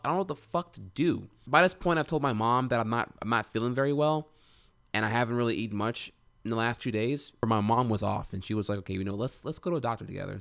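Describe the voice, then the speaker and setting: A young man tells his own story straight to his audience, rambling and candid, swearing freely. His pitch sits in the middle range. His sentences stop and restart as he searches for words. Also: a bit bright. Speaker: streamer. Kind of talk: personal storytelling.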